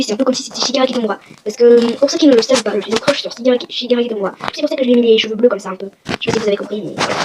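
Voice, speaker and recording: A woman hosting a casual game walkthrough vlog, chatty and rambling, with self-mocking asides. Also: fairly high pitch. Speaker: gaming video host. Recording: noisy with clicking sounds.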